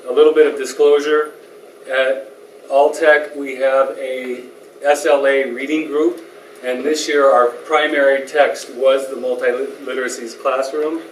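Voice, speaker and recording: A man's voice: mid-range voice, flat delivery, a little slow, a little hiss or hum. A man reading a formal, prepared introduction for a guest speaker. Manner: formal, reads prepared remarks. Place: lecture hall. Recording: echoey hall, mic from a distance.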